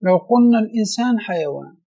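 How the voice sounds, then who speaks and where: Husky male teacher explaining patiently. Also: high voice, lively intonation, quick pace, mellow, dull audio. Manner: patient, repetitive, checks understanding with questions. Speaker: teacher of logic. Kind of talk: classroom lesson explaining a text. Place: small room with a few students.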